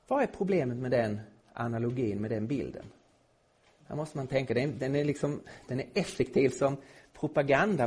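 Husky, emphatic man lecturing a group. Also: mid-range voice. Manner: emphatic, rising to loud indignation. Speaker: Bible teacher. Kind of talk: lecture to a live audience.

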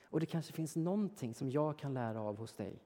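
A man's voice: mid-range voice, expressive, mellow, in a large hall. A man preaching a sermon, earnest and exhorting, building his points through repeated phrases.

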